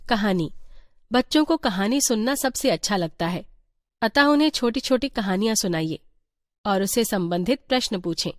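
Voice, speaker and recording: A woman reading a teacher's guide aloud in an even, measured voice. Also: on the high side, dry recording, clean studio sound. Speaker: textbook reader.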